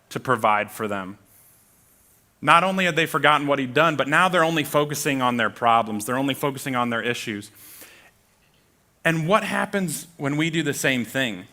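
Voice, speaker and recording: A man's voice: medium pitch, sharp tone. A man preaching a sermon to a church congregation, emphatic, acting out complaints in quoted asides. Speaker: pastor.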